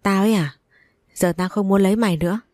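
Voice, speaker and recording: A woman's voice: mid-range voice, quick pace, a little mellow, dry recording, clean studio sound, natural voice. A woman voicing an arrogant young rich man who teases and talks rudely in an audio story. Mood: mocking. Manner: teasing, rude, brusque.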